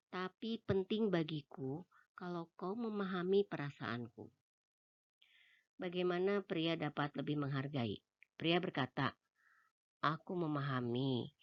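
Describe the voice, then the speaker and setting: Woman, low voice, steady book reading, quoted dialogue voiced, dull lo-fi sound. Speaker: book reader. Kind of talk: reading a self-help book aloud.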